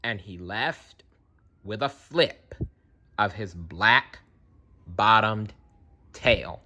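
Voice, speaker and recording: Male storybook reader, bright tone, slow measured rhyming read-aloud. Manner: animated, voices characters with big pitch jumps.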